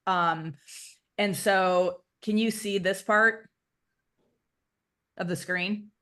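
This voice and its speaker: A woman's voice: medium pitch, drawn-out words. A woman marketing coach talking casually through a screen share, explaining with lots of "um"s. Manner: relaxed, filler-heavy explaining.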